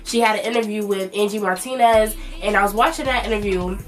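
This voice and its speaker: Young woman, stuffy and nasal, rambling casual vlog chat, mid-pitched voice. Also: fairly even intonation, quick pace, faint music behind. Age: 20s. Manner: chatty, loose, full of fillers. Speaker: vlog host. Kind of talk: casual commentary.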